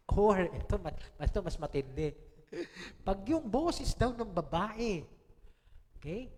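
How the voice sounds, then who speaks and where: A man's voice: high voice, a little mellow, in a large hall. A Filipino man preaching a sermon as pastor, chatty and joking, laughing often and checking in with the congregation. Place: church hall.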